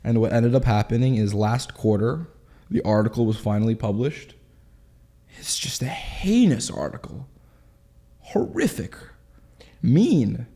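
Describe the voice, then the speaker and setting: A man of twenty, telling his story in a candid interview in quick, animated bursts. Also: mid-range voice. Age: 20s. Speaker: guest.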